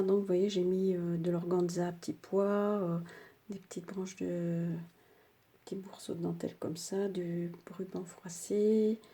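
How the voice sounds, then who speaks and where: An older Frenchwoman hosting a craft tutorial, speaking softly with a slightly sore throat, chatty and hesitant with many fillers. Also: lowish voice.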